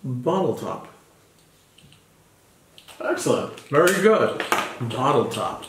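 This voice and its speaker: A man's voice: medium pitch, very animated, drawn-out words, fairly bright tone. A man teaching a child English vocabulary in a patient, bilingual one-on-one lesson, switching between English and Spanish and spelling words out letter by letter. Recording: echoey room with background noise.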